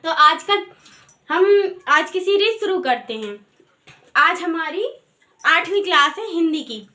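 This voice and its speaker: A woman's voice: extremely high pitch, animated, takes it slowly, sharp tone. A woman teaching an online grammar lesson. She asks questions and answers them herself. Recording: echoey room, voice far from mic.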